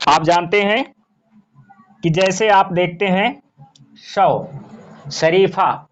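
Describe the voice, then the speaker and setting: A male teacher walks slowly through a grammar lesson. He poses a question and then answers it himself, as in a classroom drill. He lists example words one by one at an unhurried pace. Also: sits high, lo-fi sound.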